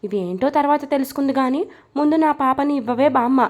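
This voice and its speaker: A woman's voice: high voice, quick pace, a little mellow, lightly acted. A woman voicing an impatient young husband who teases and scolds in a snappy way.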